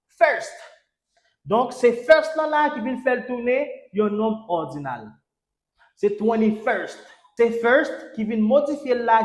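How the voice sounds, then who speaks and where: A Haitian man teaches an English lesson at a slow, deliberate pace. He spells letters aloud and repeats each word three times for his students. His voice carries a noticeable echo from the room. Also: high voice. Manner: spells out letters and urges "let's go". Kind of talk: language lesson. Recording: echoey room.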